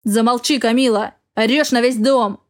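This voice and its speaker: A woman's voice: fairly high pitch, moderate pace, close to an everyday voice. A woman reading the lines of a domineering, angry husband in an audiobook, barking harsh commands. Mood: furious.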